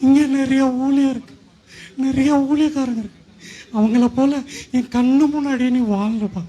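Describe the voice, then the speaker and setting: A widowed father, played by a man in a church skit, pleading through tears with his only son. His voice is high but very dark and husky. He keeps repeating his plea. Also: moderate pace. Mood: tearful pleading. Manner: tearful, pleading and repetitive.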